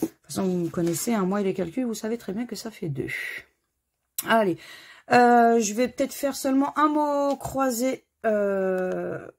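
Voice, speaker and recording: A woman's voice: on the high side, moderate pace, darkish tone. A middle-aged woman casually commenting as she scratches crossword lottery tickets at home, chatty and self-mocking, spelling out letters one by one. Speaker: scratch-card video host. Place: home corner under renovation.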